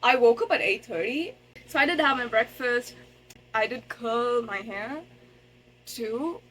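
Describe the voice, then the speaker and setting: Young woman, student vlogger, higher voice, chatty and self-conscious, bursts of excitement. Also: measured pace, breathy edge, poor audio. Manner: chatty, excitable, gushing over cute things; self-conscious, sometimes quiet and mumbled. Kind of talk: casual vlog chat to camera.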